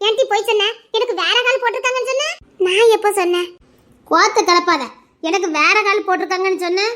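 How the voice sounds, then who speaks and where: A woman's voice: very high voice, pushed and bright. A woman voicing a group of teenage schoolgirls bickering and teasing after an exam in an audio drama. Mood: gossipy. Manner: bickering, teasing, quick back-and-forth.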